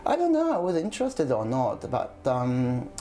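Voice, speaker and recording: A man in his fifties from Japan, with a Japanese accent, speaking haltingly with many pauses as an interview guest. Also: medium pitch, wildly swooping pitch, dark tone, soft background music. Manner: hesitant, halting, many ums and restarts. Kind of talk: casual interview.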